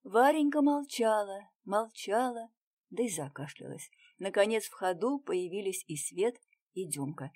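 A woman narrating an audiobook with expressive reading that drops to a hush in tense moments. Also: medium pitch, unhurried. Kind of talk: scripted narration.

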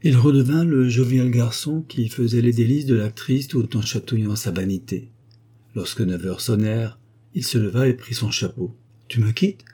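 A man narrating a novel as an audiobook, reading in a steady, measured way. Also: medium pitch, husky. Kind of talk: scripted narration.

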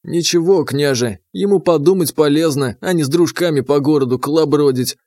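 A man's voice: on the high side, brisk, a little mellow, no echo, clean studio sound, close to an everyday voice. A man doing a sly, mocking court official. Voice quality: sly, sardonic.

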